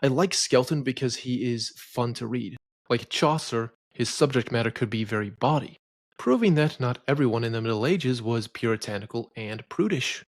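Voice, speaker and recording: Male lecturer, mid pitch, dry close mic, reads verse slowly and stressed. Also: no room sound. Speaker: poetry lecturer. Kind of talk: scripted educational narration.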